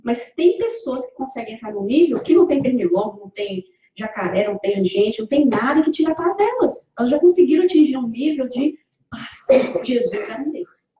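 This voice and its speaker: High-voiced Brazilian woman preaching in an echoey hall. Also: animated, moderate pace, dark tone. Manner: conversational, asks the audience questions, acts out quoted speech. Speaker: speaker giving a Spiritist talk. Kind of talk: lecture to a congregation. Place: community hall. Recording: far from the mic, echoey hall, dull lo-fi sound.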